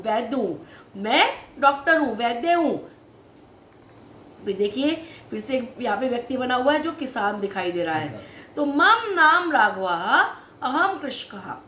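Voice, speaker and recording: A woman teaching Sanskrit to schoolchildren in a video lesson, calling them beta and saying each word slowly before giving its meaning, with quick rushed asides in between. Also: high-pitched, pushed and bright, echoey room, slight background noise. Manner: sing-song emphatic teaching cadence, sometimes rushed asides. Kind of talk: online lesson explaining a textbook chapter.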